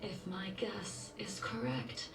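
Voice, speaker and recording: An actress voicing a cool, aloof adult swordswoman in a game, speaking calmly and solemnly, heard from afar with music behind. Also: on the low side, gravelly, recorded from a distance, full character voice. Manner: calm, measured, solemn. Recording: game audio played from afar in a roomy space, music behind.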